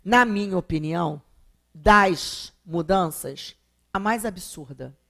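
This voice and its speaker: A woman's voice: lowish voice, creaky, a bit bright. A Brazilian woman teaching a recorded grammar lesson, asking rhetorical questions and drawing out words for emphasis. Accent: Brazilian Portuguese. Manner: emphatic, drawn-out syllables when stressing examples; rhetorical questions answered herself.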